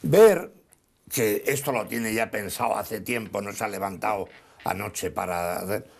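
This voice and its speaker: A man with a Spanish accent arguing politics on a TV panel, animated, with many restarts. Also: on the low side, a little slow, vocal fry. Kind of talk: heated political debate.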